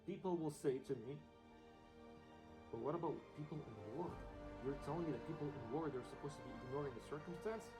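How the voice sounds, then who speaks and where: A young man speaks with earnest conviction, his voice sitting a little high and staying casual as he repeats key phrases for emphasis. Faint music plays softly underneath his motivational religious talk. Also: fast, low-quality recording. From Iraq. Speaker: Islamic speaker.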